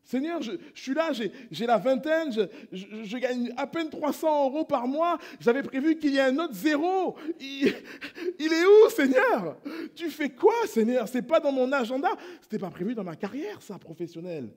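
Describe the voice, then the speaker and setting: High-voiced preaching man. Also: animated, normal speed. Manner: swings from hushed prayerful to loud impassioned preaching. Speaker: pastor. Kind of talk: sermon. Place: church.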